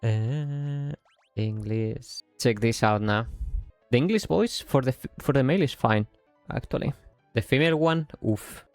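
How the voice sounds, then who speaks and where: A man's voice: mid-range voice, a little slow, no echo, soft background music. A man with a Yorkshire accent, chatting casually while streaming a game, rambling and breaking off mid-sentence. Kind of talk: casual live-stream commentary.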